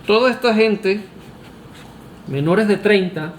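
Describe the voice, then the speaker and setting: A Venezuelan vlogger with a Venezuelan Spanish accent delivers an emphatic, argumentative opinion monologue to camera, restarting sentences and filling gaps with "este." His voice is high and slow-paced, recorded in an echoey room with slight background noise.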